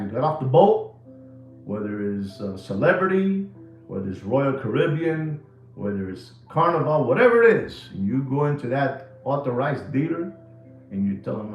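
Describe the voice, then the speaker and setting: Full of slang and jokes, a New York City man in his sixties hosts a live watch podcast, telling rambling, animated stories. His mid-range voice carries vocal fry, and the sound is reverberant.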